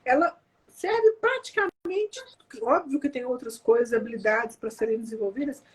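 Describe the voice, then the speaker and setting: High husky Brazilian woman. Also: moderate pace. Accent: Brazilian Portuguese. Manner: animated, explains parenting limits with home examples. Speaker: emotional therapist guest. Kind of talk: casual conversation.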